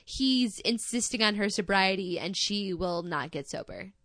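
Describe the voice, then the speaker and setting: Woman, young adult, Midwestern accent, bright tone, dry close sound, wry storytelling. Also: mid-range voice, lively intonation, moderate pace, dry recording. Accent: Midwestern American. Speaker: podcast co-host. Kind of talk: casual recap chat.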